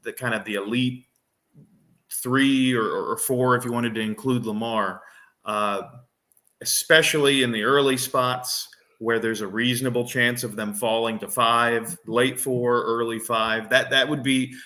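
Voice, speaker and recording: A man's voice: mid-range voice, fairly even intonation, measured pace, pushed and bright. A man co-hosting a fantasy football podcast, explaining his reasoning in casual chat and thinking aloud with frequent restarts and fillers.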